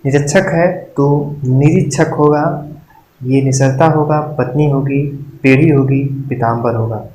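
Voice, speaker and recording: A man's voice: mid-range voice, fairly even intonation, mellow. A man teaching a Hindi spelling lesson for exam preparation, explaining in a casual classroom way and often checking in with his listeners. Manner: repeats words slowly and checks in with frequent "ठीक है". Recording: echoey room with faint noise.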